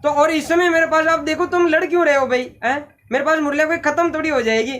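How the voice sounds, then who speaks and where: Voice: high voice, steady tone, fast, fairly bright tone, pitched above the performer's own voice. A teacher voicing a cheerful male flute seller who patiently coaxes a crowd of eager children to wait their turn. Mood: coaxing. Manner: patient, coaxing, repeats himself.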